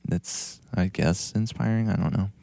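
A man, co-hosting a casual church-staff podcast and pausing often on fillers. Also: low voice, gravelly, warm tone, no room sound. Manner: hesitant, many fillers. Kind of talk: casual chat.

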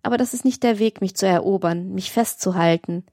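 A woman voicing a calm, self-assured young woman in an audiobook love scene. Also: medium pitch, a little fast, dry recording, studio quality, close to an everyday voice. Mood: measured. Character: cool composed young noblewoman.

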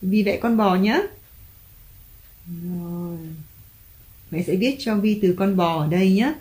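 A mother patiently teaching her child letters and tone marks at home, slowly drawing out the spelling and praising often. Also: medium pitch, darkish tone. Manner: patient, encouraging, drawn-out spelling. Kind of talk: home reading lesson for a child. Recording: echoey room, faint background music.

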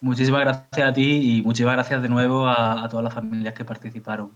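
A man's voice: mid-range voice, level tone, fast talker. A man from Spain, a university professor, talking emphatically as an interview guest and repeating words for stress. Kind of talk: conversational interview. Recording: dull lo-fi audio.

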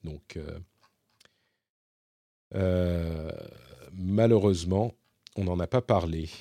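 Middle-aged male host, casual Q&A monologue; low, mellow voice, thinks aloud and self-corrects, dry close sound. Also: takes it slowly, dry recording. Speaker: podcast host answering listener questions.

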